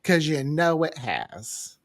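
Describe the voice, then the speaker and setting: A man's voice: a little high, very animated, takes it slowly, fairly bright tone. A man chatting casually and candidly as a podcast co-host, playful and prone to wandering off topic. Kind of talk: casual chat.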